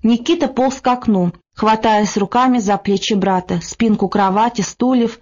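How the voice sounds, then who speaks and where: A woman narrating an audiobook of classic prose in a steady, measured reading. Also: fairly high pitch, muffled recording. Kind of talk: scripted narration.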